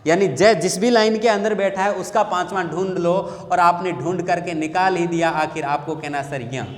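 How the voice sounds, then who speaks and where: A man's voice: sits high, normal speed. A male teacher giving a lesson, drilling students with repeated questions and answers. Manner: repetitive call-and-response drilling. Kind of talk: classroom lesson. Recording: echoey long-reverb room.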